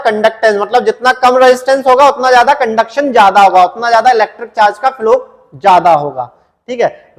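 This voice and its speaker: A man teaching an exam-prep science lecture, repeating key points and reading English definitions slowly, word by word. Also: very high-pitched. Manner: repetitive, drilling, frequent "ठीक है" check-ins. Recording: long echo in a reverberant room.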